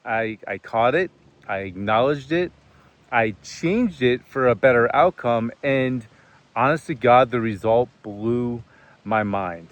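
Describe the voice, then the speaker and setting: A man's voice: medium pitch, slow pace, highs cut off. A man giving a casual motivational talk, earnest and conversational, telling a personal story with frequent fillers. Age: adult, served in the military. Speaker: host.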